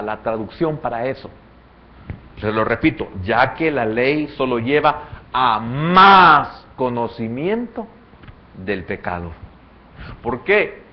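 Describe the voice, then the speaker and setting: Male pastor, Salvadoran accent, sermon, quiet reasoning swelling into fervor, muffled lo-fi sound. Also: slight background noise. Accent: Salvadoran Spanish. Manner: swings between quiet, low reasoning and loud, high fervent passages.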